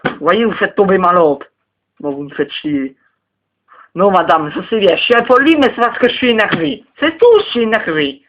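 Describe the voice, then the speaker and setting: A man's voice: animated, moderate pace, muffled recording. A man playing a crude, huffy Belgian teacher. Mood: indignant. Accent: Belgian French. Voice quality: rambling, vulgar, swings to high indignant outbursts. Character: crude, touchy male teacher, single, lives with parents. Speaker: teacher at a parents' meeting. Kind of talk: comedic sketch monologue.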